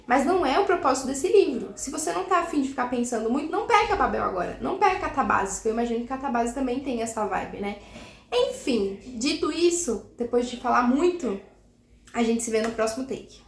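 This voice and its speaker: A young woman chatting casually about a book she is reading, talking in quick bursts full of restarts. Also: sits high, creaky. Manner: chatty, animated, many restarts and laughs. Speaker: book vlogger. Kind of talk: casual book review chat. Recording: echoey room.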